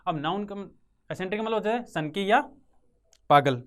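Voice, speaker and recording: A man's voice: high voice, brisk. A man with a Rajasthani Hindi accent teaching an English vocabulary class for exam prep. He repeats each word and asks and answers his own questions, recorded on a close mic in a classroom or studio with a writing board.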